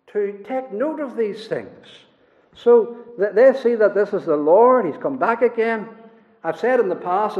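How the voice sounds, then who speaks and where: Man, fervent preacher, high voice, echoing church hall. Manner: fervent, repetitive preaching with sudden swells and drops. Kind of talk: sermon. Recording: roomy hall reverb, dull sound.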